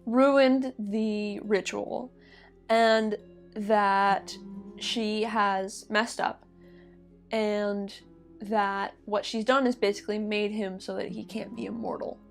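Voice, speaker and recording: A young woman co-hosting a casual chat and retelling an old myth in her own loose words. Her pitch sits in the middle, and she chats along with frequent fillers and little laughs. Faint music runs quietly behind her voice. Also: slow pace. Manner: chatty, laughing, many fillers. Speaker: podcast co-host retelling a myth.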